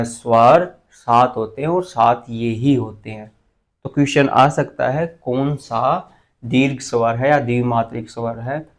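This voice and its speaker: A male teacher giving an exam-prep grammar lesson, explaining slowly and asking and answering his own questions. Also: mid-range voice.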